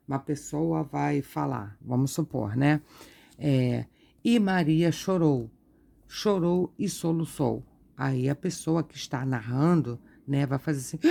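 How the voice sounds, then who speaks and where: During an art lesson, a woman teacher reads aloud from a textbook, going through each point slowly and adding tag questions. Her voice is deep and mellow, with some vocal fry.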